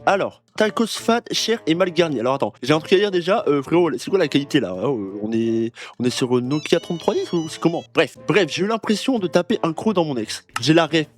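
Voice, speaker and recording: Animated young man joking through reviews. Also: on the high side, fairly quick, hardly any pauses, faint music behind. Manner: joking, slangy, animated, talks to viewers. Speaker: YouTuber reacting to reviews. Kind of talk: casual reaction commentary.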